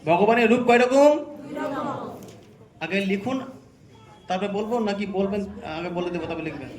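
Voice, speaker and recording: A man's voice: high voice, normal speed. A man teaching a religious class, quizzing the students and checking often that they follow. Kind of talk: interactive scripture class. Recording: echoey hall with crowd.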